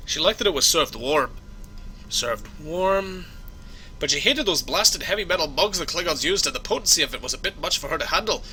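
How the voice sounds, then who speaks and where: A blustery Scottish starship engineer with a rolling brogue, as a man puts him on. His voice is bright and ringing, swinging widely in pitch, hearty and whisky-fond. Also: animated, a little fast, soft background music, low-quality recording. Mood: grumbling. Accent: put-on Scottish.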